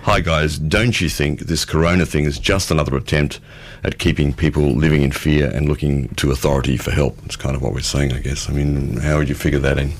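Very deep-voiced man, musing conversationally. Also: steady tone, fairly quick, husky. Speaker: radio show co-host. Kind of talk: conversational discussion, asking questions.

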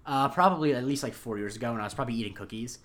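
A man's voice: medium pitch, racing, fairly bright tone. A man co-hosting a podcast, recapping an episode in rambling casual chat. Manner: rambling, many fillers and restarts. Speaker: podcast co-host.

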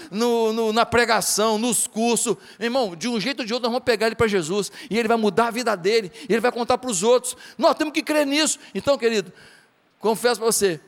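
High-voiced pastor preaching in a hall. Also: male voice. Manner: preaching with acted dialogues and rising exhortations. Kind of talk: sermon. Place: church. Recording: long church reverb.

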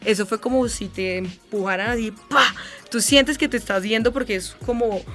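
A woman in her thirties with a Colombian accent, a radio host telling a personal story in an interview, animated and vivid. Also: a little high, normal speed, loud music behind the voice. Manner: animated storyteller, imitates sounds and voices.

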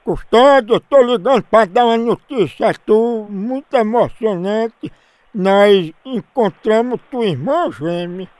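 Male prank-show host, high and lively. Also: a little slow, no room sound. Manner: teasing, playful, goading. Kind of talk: comedic prank call.

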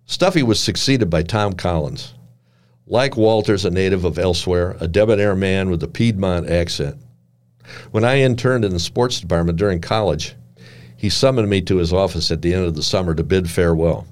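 Older man, very low voice, measured memoir narration, dry wry delivery. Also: a little mellow. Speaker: narrator reading his memoir.

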